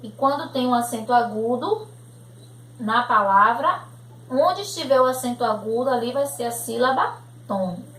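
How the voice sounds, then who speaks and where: A woman's voice: a little high, lively intonation, fairly bright tone, a little hiss or hum. A woman teacher with a Brazilian accent, patiently explaining a grammar lesson for young children and often checking that they follow. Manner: slow, patient, checks in with "né?" and "tudo bem?". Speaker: primary school teacher. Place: room at home. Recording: echoey room recording.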